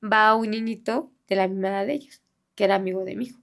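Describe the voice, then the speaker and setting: A middle-aged woman speaking in a halting, soft-spoken way, with many fillers and restarts, as a bereaved mother giving an interview. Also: mid-range voice, steady tone, creaky. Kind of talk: personal testimony in an interview.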